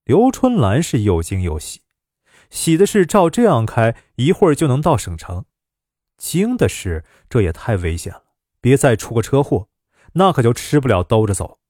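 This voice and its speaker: Expressive male storyteller, lively pitch. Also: moderate pace, no echo, studio quality. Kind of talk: scripted story narration.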